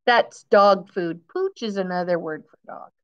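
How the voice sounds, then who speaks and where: In a school classroom, a woman in her fifties reads a picture book to young children, explaining things simply and repeating key phrases the way a teacher would. Her voice is medium-pitched, smooth, and a little slow, and the recording sounds muffled.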